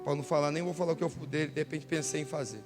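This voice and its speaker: A man's voice: fairly high pitch, fairly even intonation, very fast, big-room sound, music in the background. A man preaching a sermon as a pastor, telling stories in a casual, slangy way. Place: church hall.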